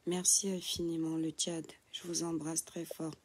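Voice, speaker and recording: A woman's voice: low voice, little pitch movement, normal speed, a little hiss or hum. A woman, just awake, on an audio-only phone live stream, affectionately greeting viewers by name and reading their comments with hesitant fillers. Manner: affectionate, calls viewers "my star", reads names with hesitant fillers. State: just woken up.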